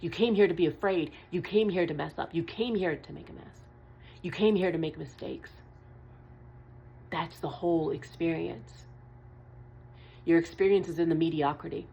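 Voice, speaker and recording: A woman's voice: deep voice, normal speed, gravelly, pauses often, dark tone, breathy edge, dull audio. A woman tarot reader delivering a channeled message in an earnest, emphatic monologue, repeating her points and swearing casually. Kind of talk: spiritual vlog monologue.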